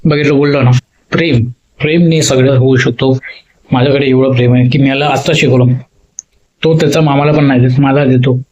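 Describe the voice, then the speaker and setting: A man's voice: mid-range voice, fairly even intonation, brisk, a little mellow. A man talking in a casual vlog, rambling and emotional as he opens up about his feelings. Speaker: vlogger. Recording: slightly dull lo-fi audio.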